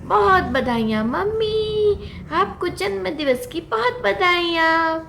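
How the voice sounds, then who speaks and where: Lady doing a tiny crying baby deer, high and sing-song, puppet storytime. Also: very animated, slow pace, a little hiss or hum, heavily acted. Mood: earnest. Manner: crying, pleading. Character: small scared baby deer, tearful and pleading.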